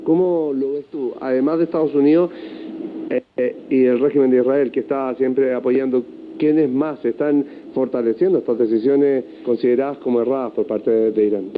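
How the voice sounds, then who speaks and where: A man hosting a radio news bulletin, asking questions and signing off in a measured, formal way, heard over fading shortwave radio. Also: mid-range voice, steady tone. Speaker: news host. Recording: thin, phone-like shortwave broadcast with faint hiss.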